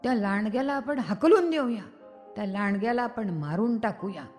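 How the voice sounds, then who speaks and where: Indignant village folk from a children's storybook scold and question in a raised, animated tone, played by a woman narrator. The voice rings with long reverb over soft background music. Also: a little high, moderate pace, natural voice.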